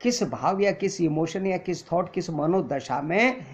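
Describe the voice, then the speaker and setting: A man's voice: high-pitched, expressive, measured pace. A man teaching an acting class, explaining patiently and mixing English terms into his Hindi. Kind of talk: lecture. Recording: dull lo-fi recording.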